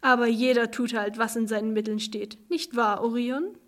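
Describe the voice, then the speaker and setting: A woman's voice: on the high side, steady tone, a bit bright, lightly acted. A woman doing a sneering, boastful man. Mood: smug. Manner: mocking, drawn-out. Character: smug, boastful man, condescending.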